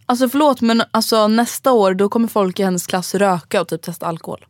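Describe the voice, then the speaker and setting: A woman's voice: medium pitch, no room sound. Chatty woman in her twenties, dry sound. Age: 20s. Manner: chatty, swears casually, animated. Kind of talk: casual chat.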